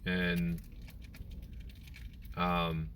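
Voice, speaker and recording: A man's voice: sits low, monotone, very slow, a bit bright, far from the mic, a little hiss or hum. A young man chatting casually on a live stream from a parked car, rambling with many fillers and restarts. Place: in a parked car in a store parking lot. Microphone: phone.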